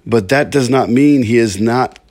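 A man preaching a sermon in an earnest, measured way, slowing down to stress key words. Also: medium pitch, darkish tone.

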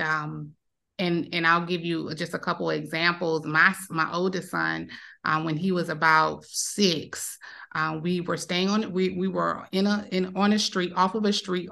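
A woman in her thirties appears as a podcast guest, casually and emotionally retelling a personal story while acting out the voices of the people involved. Her voice is lowish, with vocal fry and a sharp tone.

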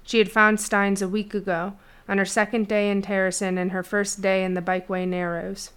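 A woman narrating a fantasy novel chapter in a steady storytelling read. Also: mid-range voice, moderate pace, clean tone. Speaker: audiobook narrator. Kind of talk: scripted fiction narration.

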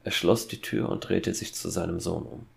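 Man, storybook horror narrator, very deep voice, heavy vocal fry, measured delivery. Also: fairly even intonation, darkish tone.

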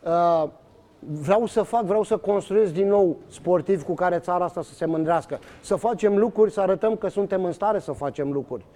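High-voiced man, emphatic and animated. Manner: animated, many fillers and restarts, acts out quoted exchanges. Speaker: interview guest. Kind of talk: emphatic storytelling in conversation.

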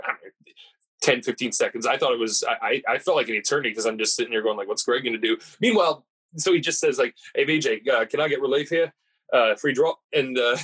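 Husky-voiced man telling rambling stories. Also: mid-range voice, fairly bright tone, rough recording. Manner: digressive, chatty, with self-correcting asides. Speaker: podcast host and golf caddie. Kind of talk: casual rambling anecdote.

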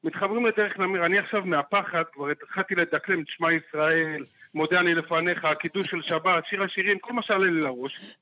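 A man, a private investigator guest on a podcast, telling a story in a lively, animated way and acting out the dialogue. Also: poor audio. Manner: animated, acts out the dialogue with jumps in pitch.

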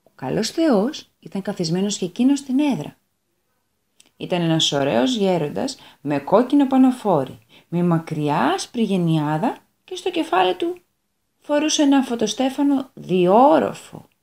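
Expressive woman reading a children's tale. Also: mid-range voice, creaky. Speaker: radio storyteller.

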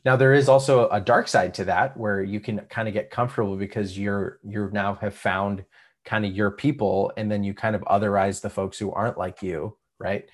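A podcast co-host, a man with a fairly low pitch and steady tone, talks at a normal speed during a casual podcast chat. He is reflective and hesitant, with many fillers and restarts. The audio comes from a remote call recording.

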